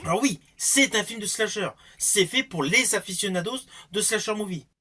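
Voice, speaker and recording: A man's voice: high-pitched, moderate pace, pushed and bright, slight background noise. A man giving a scripted film review, explaining things with emphatic phrasing. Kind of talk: scripted movie review narration.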